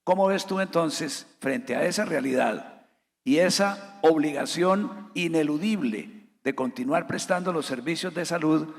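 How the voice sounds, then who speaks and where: A man moderating a formal panel, measured and structured, laying out points in order. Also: a little high, creaky, in a large hall. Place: conference hall.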